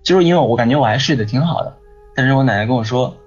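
A man's voice: mid-range voice, racing, darkish tone, breathy edge. A man, talking as a guest who tells a personal story at length, repeating words and often asking "you know?". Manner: rambling, repeats words, frequent "你知道吗". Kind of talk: casual storytelling on a ghost-story podcast. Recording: dull lo-fi sound with faint music behind.

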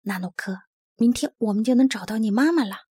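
A woman voicing a kind, steady young male polar bear cub in a storybook reading, gentle and reassuring. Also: fairly high pitch, fairly quick, husky, no room sound, clean studio sound.

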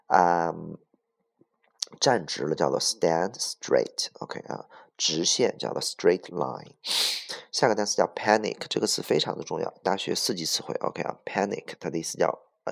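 Male vocabulary teacher, very low pitch, spells words aloud, steady lecture delivery. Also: creaky. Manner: spells words letter by letter, mixes in English; self-correcting, with many fillers. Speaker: English teacher. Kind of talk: vocabulary lesson.

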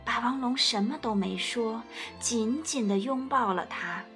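A woman reading a picture book aloud as a storyteller, gentle and expressive. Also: a little high, unhurried, soft background music.

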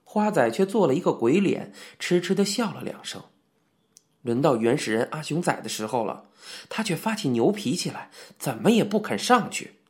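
A man's voice: on the high side, very animated, moderate pace, darkish tone. A man narrating a novel as an audiobook, telling the story expressively. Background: faint music.

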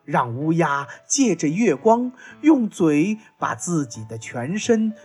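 Female children's storyteller, slow and expressive, breathy tone. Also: sits low, faint music behind.

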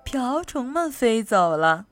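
A woman reading a children's picture book aloud in an expressive, playful way. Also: on the high side, takes it slowly, soft background music. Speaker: storyteller.

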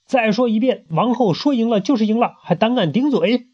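A man voicing a haughty, spoiled and childish queen who squeals orders in a high voice. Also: big pitch swings, normal speed, husky, heavily acted. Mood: bossy shrill. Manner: shrill, bossy, squealing. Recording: muffled lo-fi home recording.

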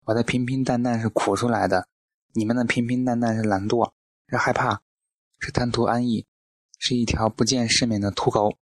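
A man's voice: mid-range voice, fairly even intonation, normal speed, no echo, lightly acted. Feisty old mom tearing into young folks, a guy reading her lines, dry voice, audiobook feel. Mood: lecturing. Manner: scolding, blunt lecturing. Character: fierce sharp-tongued old mother, woman.

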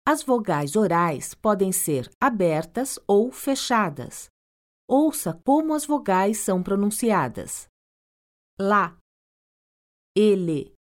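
A woman narrating a language course with slow, careful and precise enunciation. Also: medium pitch, sing-song, a little mellow. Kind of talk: scripted textbook audio narration.

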